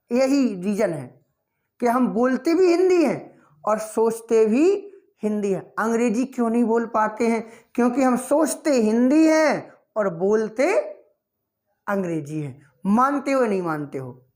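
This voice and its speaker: A woman's voice: fairly high pitch, a little mellow. A woman giving a spoken classroom lesson. She teaches English, asks the class questions and answers them herself, and calls her students beta and bhaiya.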